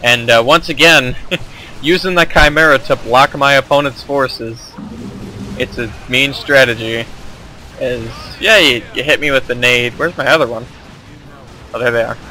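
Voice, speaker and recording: A man's voice: medium pitch, moderate pace, long pauses, pushed and bright, rough recording. A young man casually commentating his own strategy game replay, rambling and correcting himself as he goes. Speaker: gameplay commentator.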